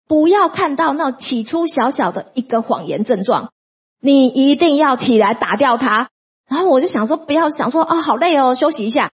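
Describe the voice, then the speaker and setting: A woman preacher with a breathy, husky edge and a somewhat high pitch teaches her congregation through her own testimony. She talks emphatically and acts out loud commands against sickness. The recording sounds muffled and lo-fi. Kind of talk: sermon teaching with personal testimony.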